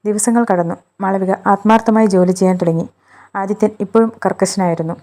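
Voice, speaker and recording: A woman reading a scripted love story as narrator, in a steady, measured storytelling manner. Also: mid-range voice.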